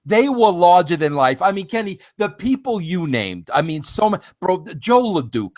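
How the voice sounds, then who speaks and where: A man hosts a relaxed interview with eager enthusiasm. His voice sits high for a man. He leans on casual fillers as he talks. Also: moderate pace. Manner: enthusiastic, says "bro" and "you know" often. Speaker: interview host.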